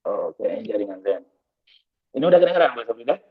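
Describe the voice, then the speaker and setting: A man's voice: medium pitch, sing-song, fast talker, slightly rough. A man on a choppy online call whose audio keeps breaking up, checking again and again whether he can be heard. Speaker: reviewer in an online evaluation meeting. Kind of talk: video call meeting. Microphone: video call. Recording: tinny lo-fi online call line.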